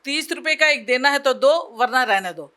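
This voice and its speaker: A woman's voice: high voice, lively intonation, sharp tone. A woman voicing a bossy, fussy middle-aged mother who haggles hard in a storybook tale. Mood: bargaining. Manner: brisk, bargaining, fussy.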